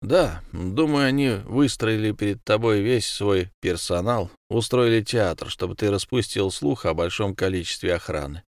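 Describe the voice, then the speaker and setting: A man's voice: lowish voice, lively intonation, normal speed, hardly any pauses, no echo, clean studio sound. A man voicing a cold, calculating prison gang boss who speaks in terse commands. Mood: commanding.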